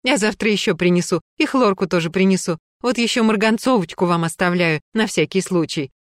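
A woman's voice: mid-range voice, fairly quick, dry recording, clean studio sound, close to an everyday voice. A woman narrating an audiobook, voicing a panicky, fussy middle-aged woman who pleads and frets. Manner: frantic, pleading, fussing.

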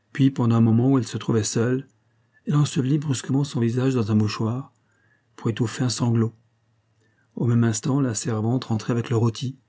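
A man narrating a classic novel in a measured, even reading voice. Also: medium pitch. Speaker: audiobook narrator. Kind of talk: scripted narration.

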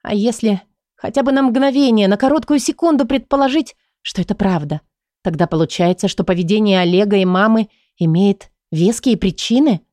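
A woman's voice: mid-range voice, normal speed, a little mellow, no room sound, clean studio sound. A woman narrating a first-person audiobook, emotively voicing the troubled heroine's thoughts and lines.

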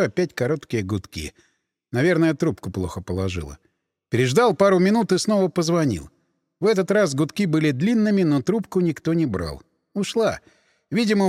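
A man narrating a first-person audiobook in an expressive, wry storytelling manner. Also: on the high side, no room sound, clean studio sound, long reverb tail.

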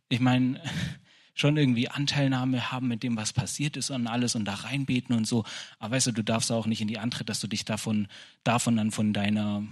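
A man's voice: medium pitch, husky. A man giving an informal sermon in a chatty style, often asking "you know?" and restarting his sentences. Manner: conversational, repeats "weißt du", restarts often. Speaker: preacher.

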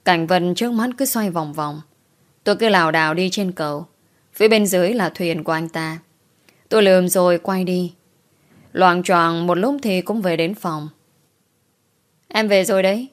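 A woman's voice: lowish voice, moderate pace. Woman narrating an emotional first-person story.

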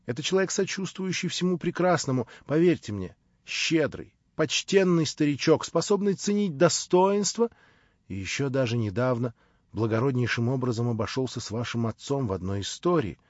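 An oily middle-aged aristocrat, all polite persuasion with venom underneath, as read by a male narrator. The voice sits at a middling pitch. The recording is dry and a little muffled. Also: lively intonation, moderate pace, no room sound, close to an everyday voice. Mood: ingratiating. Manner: unctuous, persuasive, turning mocking. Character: smooth hypocritical middle-aged nobleman, spiteful beneath.

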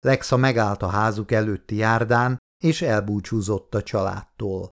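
A man narrating an audiobook in a calm, measured reading voice. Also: on the low side. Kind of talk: scripted narration.

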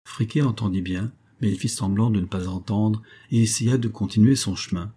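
A man reading a classic novel aloud as audiobook narration, in a steady, measured way. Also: on the low side, husky. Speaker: audiobook reader.

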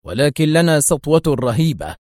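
A man's voice: a little high, big pitch swings, normal speed, a little mellow, no room sound, studio quality. A man voicing a smug gangster. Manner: smug, self-assured. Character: smug confident male gangster.

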